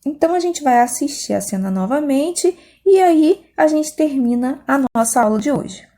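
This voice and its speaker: A woman's voice: sits high, lively intonation, moderate pace, warm tone. A woman with a Brazilian Portuguese accent explaining a language lesson patiently, often checking in with her students. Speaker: Spanish teacher.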